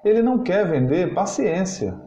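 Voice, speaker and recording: A man's voice: high voice, very animated, normal speed, warm tone, voice pushed up. A man doing a bossy, impatient rich father. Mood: pushy, impatient. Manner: pushy, impatient haggling. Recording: roomy, slightly dull, faint music.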